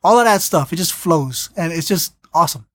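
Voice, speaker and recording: A podcast co-host in casual chat, recapping a movie in a rambling, animated way and acting out the characters' lines. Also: mid-range voice, a little fast, dry recording, studio quality. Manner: animated storyteller, acts out quotes; rambling with restarts.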